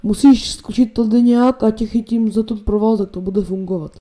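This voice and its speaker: A woman voicing a clumsy, excitable male handyman in a comedic fan dub, shouting and cursing. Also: on the high side, natural voice.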